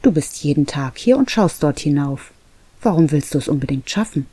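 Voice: medium pitch, animated, normal speed, dark tone, husky, no echo. A reader voicing a curious, probing bumblebee who keeps asking questions, in an audiobook. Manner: inquisitive, probing, upbeat. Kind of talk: audiobook reading.

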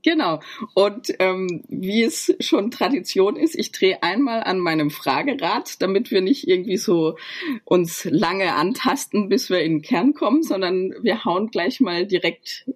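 A woman's voice: mid-range voice, expressive, a little slow. Upbeat chatty woman hosting a podcast. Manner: upbeat, chatty, laughs often. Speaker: podcast host. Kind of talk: casual interview chat.

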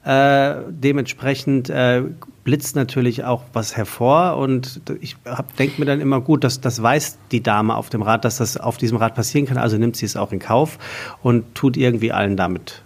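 A man's voice: medium pitch, normal speed, vocal fry. A man hosting a casual podcast chat, asking provocative questions with frequent hesitations. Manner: provocative, hesitant with many fillers.

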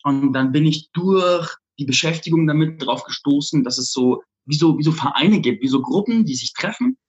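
A man, a flirt coach, telling a lively personal story in an interview, laughing often and acting out what people said. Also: a little high, normal speed, husky, dull audio. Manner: animated, laughs often, acts out quotes.

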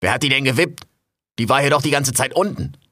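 A man voicing a brash, foul-mouthed male raccoon, loud and jumpy in an audio drama. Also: mid-range voice, a little fast, no room sound, studio quality, natural voice. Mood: agitated. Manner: loud, cursing, jumpy and excitable.

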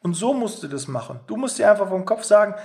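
Brief: man, sales coach, high voice, direct and emphatic, acts out dialogue. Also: very animated, fast, a little mellow. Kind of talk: motivational talk on sales.

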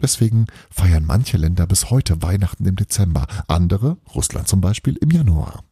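A man's voice: sits low, lively intonation, normal speed, mellow, husky, dry recording, studio quality, heavily acted. A man reading Santa's sheepish grown son. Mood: explaining. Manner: explanatory.

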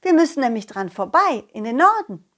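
A woman narrating a children's audio story in a playful, animated way, also speaking as the main character. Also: high voice, brisk.

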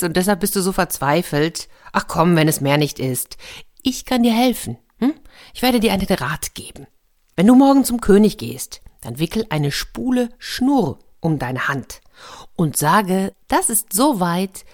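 A woman voicing a kindly old friend who calmly reassures and advises. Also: fairly low pitch, measured pace. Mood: reassuring. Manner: warm, reassuring, confiding.

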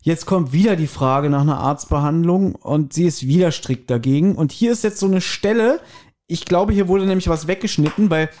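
A man's voice: on the high side, moderate pace, darkish tone. A man co-hosting a casual podcast chat, retelling scenes and slipping into quoted lines. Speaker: podcast co-host. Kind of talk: casual chat about a radio play.

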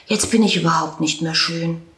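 A woman's voice: sits low, fairly even intonation, normal speed. Woman voicing a lonely old tomcat. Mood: forlorn. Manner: gentle, wistful and pleading. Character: shabby lonely aging male school tomcat. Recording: roomy echo.

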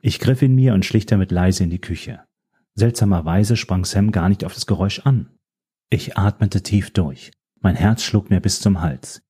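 Man, first-person audiobook narration, very dark tone, low pitch, steady delivery. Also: normal speed, husky.

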